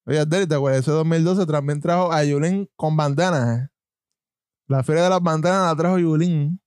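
A Puerto Rican man with a somewhat high voice banters and mocks in loose, joking chat. The sound is dry and close, with no room around it. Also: normal speed, darkish tone, clear, resonant tone, no echo. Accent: Puerto Rican Spanish. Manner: joking, mocking, laughs often. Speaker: podcast co-host. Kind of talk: casual banter.

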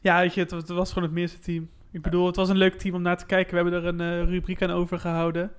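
A man co-hosting a casual football podcast, talking in a brisk, chatty and jokey way. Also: high voice, completely flat delivery, smooth. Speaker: podcast co-host.

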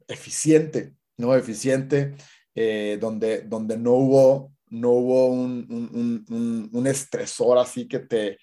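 A certified cold-exposure instructor answers interview questions patiently, hesitating with lots of fillers and restarts. His mid-range voice is steady, slow and dark in tone.

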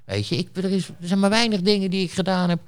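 A man's voice: high-pitched, steady tone, fast talker, smooth. Blunt rambling man telling a story. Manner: blunt, rambling, many fillers and restarts. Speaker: interview guest, street reporter. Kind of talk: casual storytelling.

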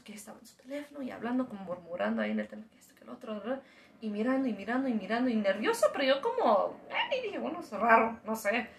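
A woman's voice: fairly high pitch, slight background noise. A woman casually telling a story as a podcast guest, laughing as she talks. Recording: echoey room.

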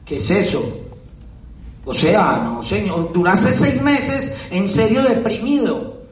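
A man with a high voice delivers an emphatic motivational speech to an audience. He repeats his key lines and throws out rhetorical questions. His voice echoes around a large hall and is picked up from a distance. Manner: emphatic and repetitive, drives points home with rhetorical questions. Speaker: motivational speaker at a business event.

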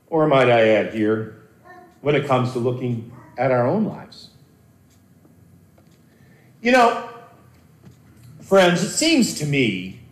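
A man preaching a sermon as a pastor, earnest and animated, with dramatic pauses and repeated words. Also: mid-range voice. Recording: roomy echo.

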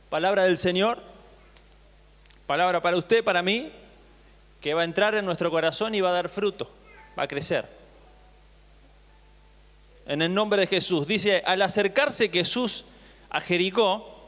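A man's voice: high-pitched, fairly bright tone. A male pastor preaching a sermon, reading scripture aloud and retelling it with acted voices, often asking the congregation questions. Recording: long hall reverb.

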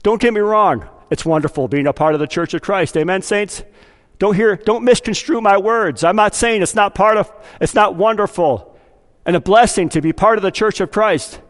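A man's voice: sits high, moderate pace, long reverb tail. A man preaching a sermon as pastor of a church, talking conversationally, acting out quoted voices and asking his congregation questions. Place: church sanctuary.

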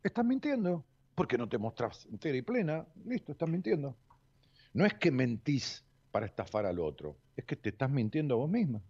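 In a dull lo-fi recording, a man with an Argentine accent counsels someone one-on-one in a confrontational way. His medium-pitched voice, a bit mellow and slightly rough, swings widely in pitch and moves fairly quickly as he curses, speaks bluntly, and presses with question after question.

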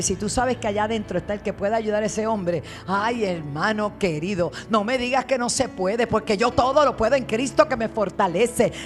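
A woman preaching a sermon as a guest preacher, retelling scripture dramatically and dropping to low asides.

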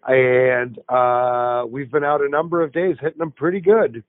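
A man calls in over a thin, tinny phone line to give his fishing report. He talks in a relaxed, wry, unhurried way. The sound is dry and boxed-in, with no room around it. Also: medium pitch, dry recording. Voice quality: laid-back, wry, drawn-out phrasing. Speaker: fishing shop owner calling in. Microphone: telephone.

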